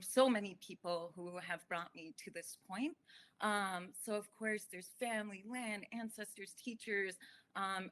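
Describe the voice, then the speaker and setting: A woman's voice: medium pitch, fairly bright tone. A woman farmer giving a conversational online talk, earnest, with frequent ums. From United States and Ethiopia. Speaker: farmer and speaker. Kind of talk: online summit talk with slides.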